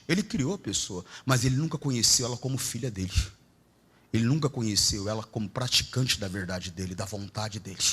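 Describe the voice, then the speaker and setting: A middle-aged Brazilian man preaching a Pentecostal sermon, swinging between shouts and low, confiding asides. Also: husky. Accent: Brazilian Portuguese. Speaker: pastor.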